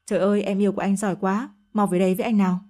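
A woman's voice: medium pitch, level tone, racing, mellow, close to an everyday voice. A woman voicing a cruel young male lover. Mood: eager.

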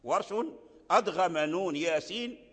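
An older man teaching recitation rules in a lesson, speaking slowly, repeating phrases and chanting short verses. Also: fairly high pitch, expressive. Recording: long hall reverb.

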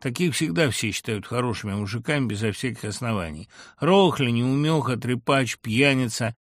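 A man's voice: mid-range voice, moderate pace, no echo, clean studio sound. Ironic, emphatic male audiobook reader. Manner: expressive, ironic reading with sharp emphatic jumps. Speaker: audiobook narrator. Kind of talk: literary audiobook reading.

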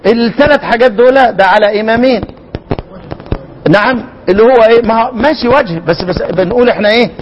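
A high-pitched Egyptian man teaching Quran recitation in a classroom lecture. He drills words over and over, stretching sounds out to demonstrate them, and keeps firing questions at his students. The recording is dull and lo-fi. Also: slight background noise. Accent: Egyptian Arabic. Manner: repeats words with drawn-out demonstrations, quizzes students.

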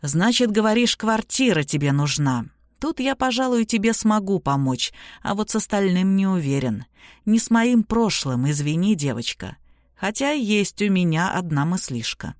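A woman voicing a gruff male ex-convict who talks in a mocking, folksy drawl. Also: mid-range voice, animated, moderate pace, no echo, clean studio sound, lightly acted. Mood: sly musing.

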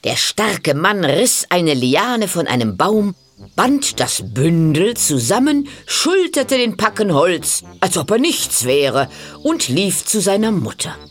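A woman narrating a fairy tale in a calm, expressive storytelling voice. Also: on the low side, takes it slowly.

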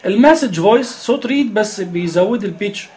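A man's voice: sits high, expressive, quick pace, darkish tone, slight background noise. A man with an Egyptian Arabic accent explaining a screen reader step by step, with many filler sounds. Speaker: instructor.

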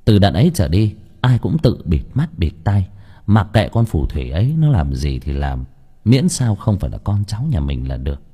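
A man narrating an audiobook story in an expressive storytelling manner. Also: sits low, normal speed, breathy edge.

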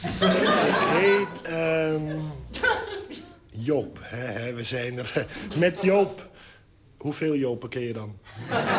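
A man playing a hungover, forgetful caller in a comic phone monologue, groggy and chuckling sheepishly. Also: fairly high pitch. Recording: loud crackle and clicks, old record.

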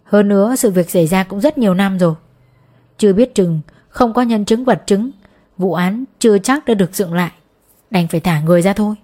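A woman doing a calm reassuring son. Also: mid-range voice, natural voice. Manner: measured, reassuring. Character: young adult man, calm son steadying his mother. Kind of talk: audiobook character voice.

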